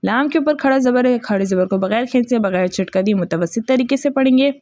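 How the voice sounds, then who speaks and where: A woman teaching the rules of Quran recitation in Urdu with a Pakistani accent, patiently repeating each point, checking understanding, and chanting verses slowly. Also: fairly high pitch, mellow, dry recording, clean studio sound. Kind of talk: tajweed lesson.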